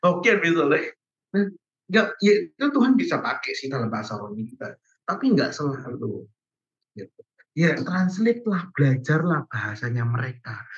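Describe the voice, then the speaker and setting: A man's voice: fairly high pitch, breathy edge. Chatty young man teaching over a video call. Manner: chatty and informal, many fillers like "gitu" and "guys", laughs often. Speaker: Bible class teacher. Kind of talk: casual online Bible lesson. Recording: muffled video call audio.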